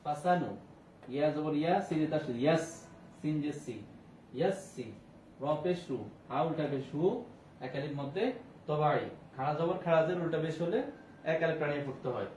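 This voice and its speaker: A man teaching a Quran reading class who spells out each letter and vowel mark, then joins them into slow, drawn-out recitation. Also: a little high, a little mellow, far from the mic. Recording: echoey room, voice a bit off-mic, faint background hiss.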